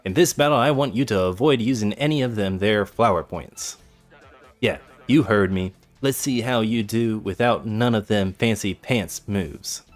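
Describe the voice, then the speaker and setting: A man's voice: lowish voice, normal speed, soft background music, natural voice. A man doing a folksy Texan fight boss. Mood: bossy. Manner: folksy drawl. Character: gruff older male fight-club manager.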